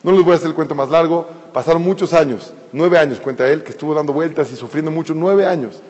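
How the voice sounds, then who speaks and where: A man telling a sermon story, animated and speaking directly to his listeners. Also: on the high side, fast. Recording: dull sound with long hall reverb.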